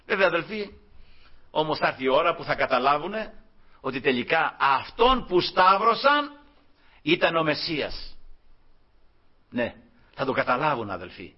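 Animated man preaching, lo-fi. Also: long pauses. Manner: animated, voices quoted figures in a raised pitch. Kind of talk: sermon. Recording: dull lo-fi recording.

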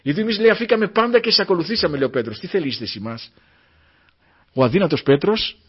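A man delivers a sermon with fervor, his voice a little husky. He moves between loud, insistent declarations and quiet, pleading prayer. The recording sounds dull and lo-fi. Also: medium pitch. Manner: fervent, swings from loud declaring to hushed prayer. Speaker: preacher. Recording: muffled lo-fi recording.

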